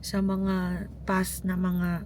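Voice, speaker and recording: Isang babaeng vlogger na paos ang boses dahil sa sipon, may Filipino accent, madaldal na nakikipagkwentuhan sa mga manonood habang naghahalo ng Tagalog at English. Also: female voice, fairly low pitch, monotone, very slow, a little mellow. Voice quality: husky. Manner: chatty, switching between Tagalog and English, addressing viewers as moms. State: hoarse from a cold. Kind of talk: casual vlog chat. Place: outdoors and in a car around town. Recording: noisy outdoor phone vlog with traffic.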